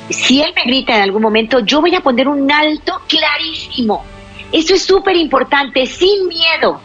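A woman giving relationship advice to women, firm and slowing down to stress key points. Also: sits high, a bit bright, husky, highs cut off.

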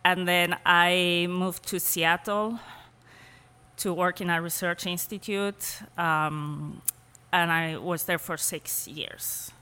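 A woman with a Spanish accent talks slowly and thoughtfully as an interview guest, laughing easily between points. Her voice is low-pitched yet bright and very clear. The room carries a long reverberant tail. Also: steady tone. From Spain. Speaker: cheesemaker guest. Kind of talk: casual interview conversation.

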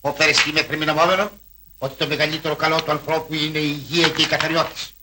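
A man's voice: a little high, little pitch movement, background noise, natural voice. An actor playing a pompous, fussy man who preaches about cleanliness in a lofty, mock-solemn way. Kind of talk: 1950s Greek film comedy acting.

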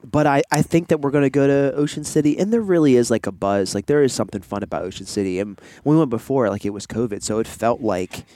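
A man's voice: medium pitch, expressive, fast talker, hardly any pauses, mellow. A man chatting casually as a co-host, rambling with lots of fillers and laughing easily. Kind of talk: casual chat.

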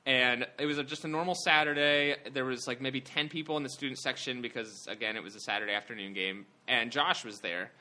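Bright-voiced young man telling stories. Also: medium pitch, fairly even intonation, a little fast, few pauses. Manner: laughing often, rambling with restarts. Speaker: podcast co-host. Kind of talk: casual chat, storytelling.

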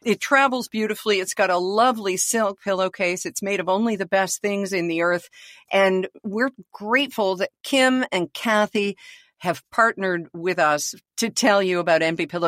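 A woman's voice: mid-range voice, no echo, studio quality. Chatty woman podcast co-host. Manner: chatty, laughs often, animated storytelling. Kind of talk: casual chat.

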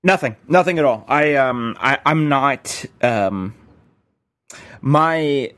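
A man's voice: medium pitch, lively intonation, a bit bright. Male co-host, casual talk, hesitant, stop-start delivery. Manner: halting, frequent agreeing backchannels. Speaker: podcast co-host. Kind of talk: casual film discussion.

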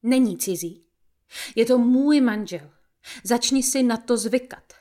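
A woman's voice: a little high, dark tone, voice pushed up, lightly acted. A woman reading an audiobook, voicing a cheerful, persuasive mother who talks her teenage daughter around. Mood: upbeat. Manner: coaxing and upbeat.

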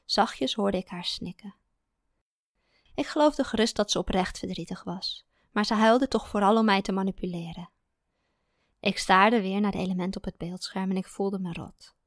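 A woman narrating a first-person story in a calm, even manner. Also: medium pitch, no room sound, studio quality.

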